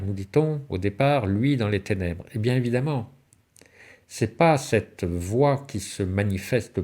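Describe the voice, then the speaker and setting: A man's voice: fairly low pitch, a little mellow. A man giving a spiritual talk on alchemy and symbolism, telling stories with rhetorical questions and sudden rises and falls in his voice. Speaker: lecturer.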